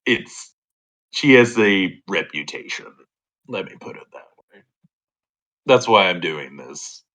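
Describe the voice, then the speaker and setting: A man playing a tabletop role-playing game in casual chat, halting and thinking aloud as he goes. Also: sits low, expressive, a bit bright, rough recording. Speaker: tabletop RPG player.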